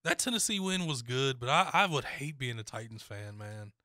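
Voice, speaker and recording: An opinionated young man with a bright, pointed voice gives his football picks in casual studio chat. The mic is close and the room dry. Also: mid-range voice, very animated, no echo. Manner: opinionated, quick laughs and restarts. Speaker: sports show co-host. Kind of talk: casual sports talk. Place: small studio with foam panels. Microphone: studio mic on boom, headphones.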